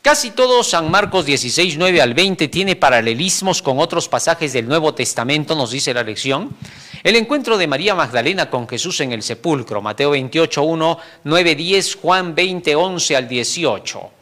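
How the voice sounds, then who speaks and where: Animated man teaching a Bible lesson. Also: a little high, normal speed. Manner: animated, frequent tag questions, chuckles between points.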